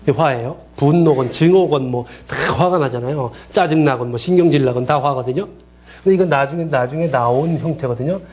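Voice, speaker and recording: Man lecturing on counseling, animated. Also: on the high side, fairly quick. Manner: lively, acts out quoted dialogue, asks the class questions.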